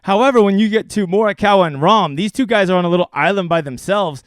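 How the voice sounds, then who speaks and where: A man's voice: sits high, fast talker, no room sound. A man casually breaking down fantasy golf picks on a livestream, crude and joking. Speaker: fantasy sports analyst.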